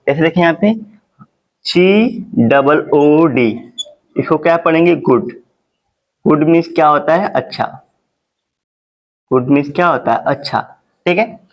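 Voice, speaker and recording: A male teacher giving a phonics lesson, repeating words slowly and asking questions to the class. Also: a little high, dull audio. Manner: slow, repetitive, drawn-out teaching.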